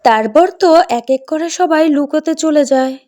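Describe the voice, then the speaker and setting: A woman tells a children's doll story in a high voice. Her tone is mellow and warm, and she speaks straight to her young listeners. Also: normal speed. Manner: lively storytelling, addresses children directly. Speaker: storyteller voicing doll characters. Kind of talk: doll story narration and role-play.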